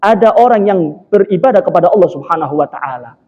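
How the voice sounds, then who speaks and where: A man voicing a prophet who is gentle and patient. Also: high-pitched, expressive, fast. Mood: calm. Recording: dull, echoey mosque hall.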